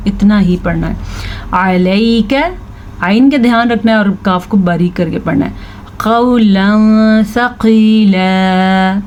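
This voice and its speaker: A woman teaching tajweed, slowly reciting verses and patiently explaining how each letter is pronounced. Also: mid-range voice, a little mellow, a little hiss or hum. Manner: slow, drawn-out recitation of verses between quick spoken explanations; patient, instructive, repeats each word to correct common mistakes. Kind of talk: tajweed lesson with recited examples.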